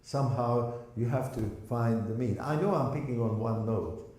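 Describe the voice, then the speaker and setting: A man's voice: mid-range voice, moderate pace, darkish tone. A man teaching a piano masterclass, explaining with demonstrative, jokey remarks and singing phrases on syllables. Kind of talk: masterclass coaching. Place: recital hall. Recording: very echoey hall with faint piano.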